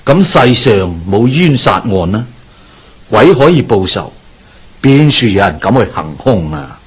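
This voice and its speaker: The speaker, a man with a Hong Kong Cantonese accent, gives a full character voice as a calm, authoritative Taoist exorcist master in a radio drama. His lowish voice carries a breathy edge, and he talks in a measured, knowing, formal way.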